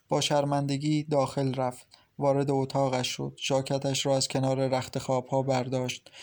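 A man narrating a novel as an audiobook reader, in a steady, even storytelling delivery. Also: medium pitch.

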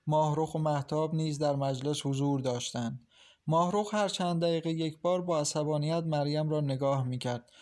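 A man narrating a novel in a calm, measured audiobook reading. His voice sits a little high for a man, and the delivery stays steady and unhurried. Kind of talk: scripted narration.

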